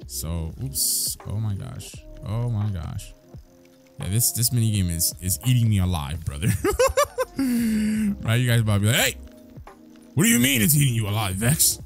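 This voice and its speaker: A young adult man giving casual gameplay commentary, chatty and laughing often. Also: mid-range voice. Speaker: gaming creator.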